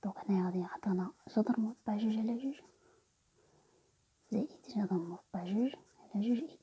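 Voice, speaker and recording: A woman's voice: mid-range voice, fast, warm tone, lo-fi sound, slight background noise. A woman with a Moroccan Arabic accent, whispering a math lesson and explaining each step in turn. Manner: whispers nearly every line, explaining step by step. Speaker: math teacher.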